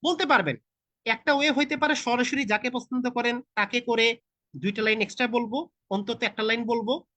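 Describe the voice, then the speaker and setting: A man's voice: very high-pitched, steady tone, a little fast, pushed and bright, no room sound. A man in his thirties with a Bangladeshi Bengali accent teaches an online IELTS class. He talks casually, mixes in English and puts questions straight to his students. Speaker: IELTS tutor. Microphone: video call.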